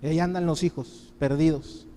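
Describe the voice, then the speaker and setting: A high-pitched man delivers a fervent sermon, slipping into the voices of the people he describes as he pleads with them. His voice rings out with a long hall reverb around it, as from a church. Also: fairly even intonation, normal speed, warm tone, a little hiss or hum. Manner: impassioned preaching, voicing people's pleas in quotes. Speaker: pastor.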